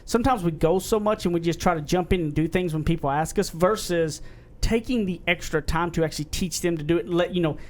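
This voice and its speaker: Man co-host, slightly high voice, talks in long earnest rambles. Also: quick pace. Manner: rambling, earnest, self-described redneck voice. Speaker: podcast co-host. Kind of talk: casual podcast chat.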